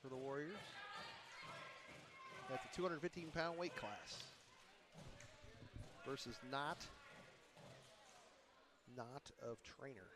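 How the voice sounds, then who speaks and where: Male play-by-play co-commentator, plain mid voice, quick calls. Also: mid-range voice, lively intonation. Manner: short play-by-play calls and agreeing replies. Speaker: wrestling co-commentator. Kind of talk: local sports play-by-play. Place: school gym.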